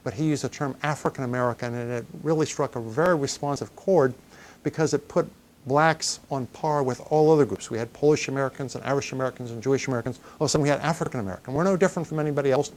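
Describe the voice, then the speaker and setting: A man's voice: medium pitch, racing, a little mellow. A man answering in an interview in a thoughtful, conversational way. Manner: thoughtful, conversational, with some restarts.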